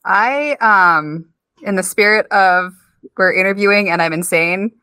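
A woman co-hosting a podcast in casual chat, bubbly and quick to laugh. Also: medium pitch, pushed and bright, clear, resonant tone, no echo. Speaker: podcast co-host. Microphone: remote call.

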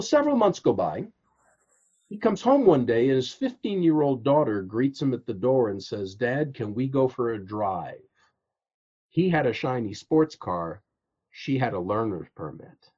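A man telling a story on a podcast as a guest coach, acting out the quotes with lively laughs. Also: medium pitch, slightly rough, dull audio. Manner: animated storyteller, acts out quotes, frequent laughs.

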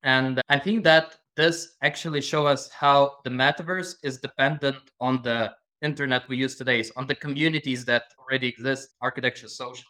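A man being interviewed as a guest, speaking hesitantly and pausing to find his words. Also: medium pitch, steady tone, pushed and bright. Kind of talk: interview conversation.

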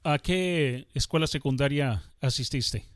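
A man hosting a podcast interview, asking warmly curious questions. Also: mid-range voice, measured pace, no echo, clean studio sound. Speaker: podcast host.

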